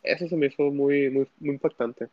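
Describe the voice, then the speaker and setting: A man's voice: medium pitch, normal speed, no echo. Young man, dry lo-fi recording. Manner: rambling, restarts often, enthusiastic recaps. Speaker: podcast co-host. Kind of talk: casual chat. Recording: dry, dull lo-fi sound.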